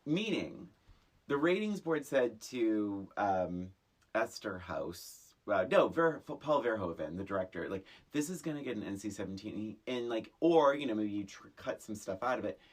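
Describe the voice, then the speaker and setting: Chatting about movies on a podcast he co-hosts, a middle-aged American speaks in a husky voice at medium pitch, his delivery casual but animated, emphatic, and halting.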